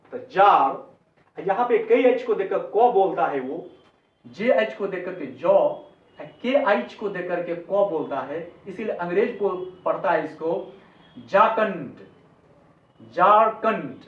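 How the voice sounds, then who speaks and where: High-voiced hindi teacher guy going over pronunciation, kinda far from the mic, echoey and muffled. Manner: explains patiently, repeats words and checks understanding. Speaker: English teacher. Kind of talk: spoken pronunciation lesson. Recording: roomy, distant and muffled.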